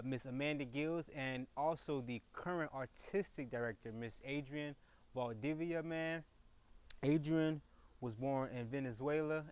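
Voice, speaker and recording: A man's voice: mid-range voice, clear, resonant tone. A man introducing a podcast episode in an upbeat, effusive way. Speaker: podcast host.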